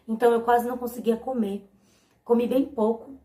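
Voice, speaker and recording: Young brazilian woman telling her testimony, earnest, talks to viewers a lot, kinda high voice, echoey room. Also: steady tone, a little fast, mellow. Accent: Brazilian Portuguese. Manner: earnest, often turns to the audience. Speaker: mother giving a faith testimony. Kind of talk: personal storytelling to viewers.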